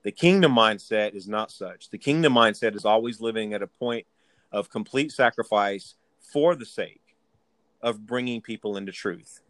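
A man's voice: lowish voice, normal speed, fairly bright tone, dry recording, rough recording. A man with a Southern US accent preaching a sermon, stressing key words and repeating phrases for emphasis. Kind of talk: sermon teaching.

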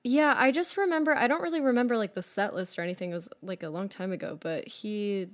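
A young woman co-hosts a podcast in candid, animated chat and laughs easily. Her voice sits at an ordinary middle pitch for a woman. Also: quick pace. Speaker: podcast co-host. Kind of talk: casual chat.

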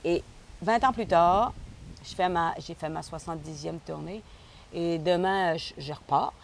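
Creaky-voiced Québécois woman. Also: on the low side, unhurried, a little hiss or hum. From Côte-Nord, Quebec. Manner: chatty, laughs easily, restarts sentences. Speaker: guest singer. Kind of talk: casual interview.

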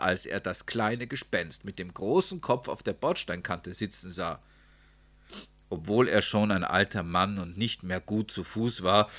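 A man narrating a children's story in an expressive, dramatic way. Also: lowish voice. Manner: expressive, dramatic rises and drops.

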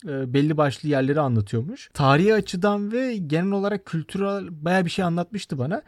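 Higher-pitched young man hosting a podcast. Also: lively intonation, fairly quick, no echo, clean studio sound. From Turkey. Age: 20s. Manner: careful word choice. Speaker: podcast host. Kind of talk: casual chat.

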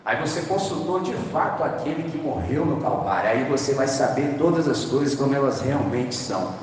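A man's voice: mid-range voice, expressive, normal speed, a little hiss or hum. A man with a Brazilian accent preaching a sermon in a colloquial, storytelling way, acting out the voices in his stories. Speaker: pastor. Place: church service. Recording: echoey church hall, mic from far off.

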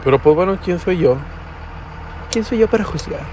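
A man's voice: high voice, animated, normal speed, darkish tone, a little hiss or hum. Slangy, profane young man. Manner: slangy, profane, storytelling with code-switching. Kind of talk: casual vlog monologue.

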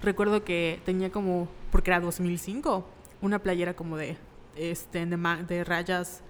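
A woman with a Mexican accent chatting casually, telling animated stories and acting out the voices in them. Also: on the low side, normal speed, big-room sound, a little hiss or hum. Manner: animated storyteller, acts out quotes, laughs often. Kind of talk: casual chat.

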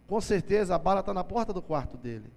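Male preacher sharing testimony in a church hall; high voice, long reverb. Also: very animated, fast talker, vocal fry, a little mellow. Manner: storytelling, acts out dialogue, addresses listeners as brothers. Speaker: church speaker giving testimony. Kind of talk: testimony sermon.

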